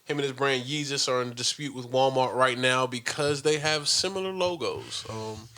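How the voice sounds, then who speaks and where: A man co-hosting a casual podcast, relaxed and often laughing, acting out talks with his daughter. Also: medium pitch, normal speed. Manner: laid-back, laughs often, acts out dialogue with his daughter. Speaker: podcast co-host and father. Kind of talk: casual chat.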